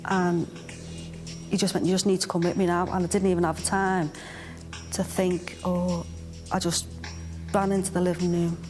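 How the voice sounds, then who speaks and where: Flat, quiet mother. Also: lowish voice. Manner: quiet, halting, disbelieving. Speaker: interviewee, mother. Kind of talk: documentary interview recollection. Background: soft music score.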